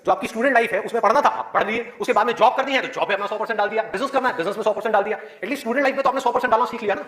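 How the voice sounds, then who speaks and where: A male biology teacher giving a motivational talk to his students, with many rhetorical questions and a lively, persuasive manner. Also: sits high, racing, roomy sound.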